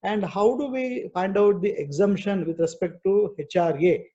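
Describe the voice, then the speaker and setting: A man's voice: high-pitched, normal speed, mellow. A man with an Indian accent teaching an online class, explaining worked problems step by step in a didactic, repetitive way. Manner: didactic, repetitive, frequently checking with "okay". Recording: dull, muffled video-call audio.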